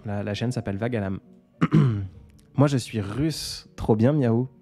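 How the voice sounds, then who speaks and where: A young man talks casually to his viewers during a late-night livestream, reading their comments aloud and answering them. His voice is mellow and soft-spoken, and he laughs easily. Faint music plays quietly behind him. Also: medium pitch, unhurried, breathy edge. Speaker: livestream host.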